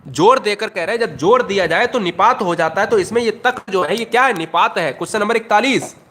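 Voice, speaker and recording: Guy teaching hindi exam prep, kinda high voice, keeps repeating questions n stressing stuff. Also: a little fast, fairly bright tone. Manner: emphatic, repeats questions, addresses students as brother. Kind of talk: online exam-prep lesson.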